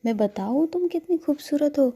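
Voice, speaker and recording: A woman voicing a caring young woman who softly coaxes and comforts a crying friend, half-whispering. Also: high-pitched, lively intonation, normal speed, pitched above the performer's own voice. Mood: tender.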